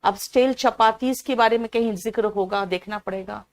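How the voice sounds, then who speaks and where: A woman of medium pitch speaks at a normal speed with fairly even intonation. She's running a live online exam-prep class on an English comprehension passage, sounding talkative and sleepy from cold medicine. She answers students by name and mixes in English words as she goes.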